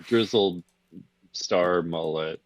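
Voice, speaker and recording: A man's voice: low voice, very slow. A man co-hosting a casual show, tossing in dry, teasing asides. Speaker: co-host. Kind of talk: casual banter.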